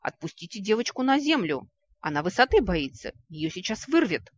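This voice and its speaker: A reader voicing a quick-witted joking brother. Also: mid-range voice, very animated, fairly bright tone, slight background noise, pitched above the performer's own voice. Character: young man, quick-witted brother, playful joker. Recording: dry, slightly dull recording.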